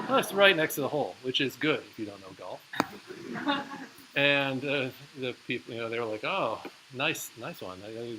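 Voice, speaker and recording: A man professor telling a personal story to his class in a casual, chatty way, with many fillers. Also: mid-range voice. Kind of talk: casual closing lecture story. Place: lecture hall. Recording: hissy lecture recording.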